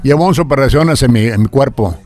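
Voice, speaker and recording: A man's voice: mid-range voice, darkish tone. An older man, a radio announcer, talking in a casual interview and often stumbling and repeating words. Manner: halting, repeats words after a stroke.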